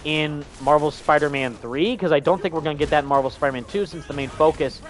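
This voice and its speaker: A man's voice: fairly high pitch, quick pace, soft background music. A young man hosting a gaming livestream, chatting casually and reading viewer comments in an enthusiastic, rambling way full of fillers. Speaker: livestream host.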